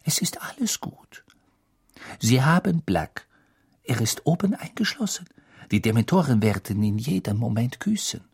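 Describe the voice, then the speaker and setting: A man voicing a stern, fussing middle-aged school nurse who scolds in a shrill, bossy way. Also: sing-song, normal speed, vocal fry, a little mellow, slightly rough, no echo, clean studio sound, heavily acted. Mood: soothing.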